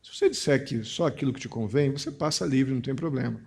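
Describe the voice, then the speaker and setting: A man with a Brazilian Portuguese accent, a pastor preaching a sermon, stressing key phrases and then dropping to a quiet, confiding tone. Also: mid-range voice, fast talker, creaky, slightly rough.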